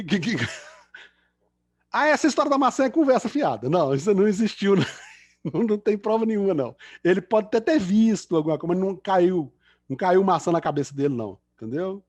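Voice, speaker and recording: Husky, joking Mineiro engineer lecturing. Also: male voice, high voice, sing-song, a little fast, no echo. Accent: Mineiro Brazilian Portuguese. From Belo Horizonte, Brazil. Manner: chatty, self-mocking joker with many fillers. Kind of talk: casual online lecture Q&A.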